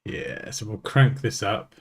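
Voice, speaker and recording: A man teaching design software, thinking aloud in a casual, joking way as he works. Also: unhurried. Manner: chatty, thinks aloud, jokes at himself. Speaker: design tutor. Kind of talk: casual screen-recorded software tutorial.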